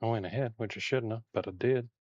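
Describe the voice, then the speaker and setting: A man's voice: mid-range voice, quick pace, no echo, dull audio. A man with a Texan accent chatting casually on a live stream while building Lego, rambling with lots of fillers. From Texas. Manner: relaxed, rambling with many fillers.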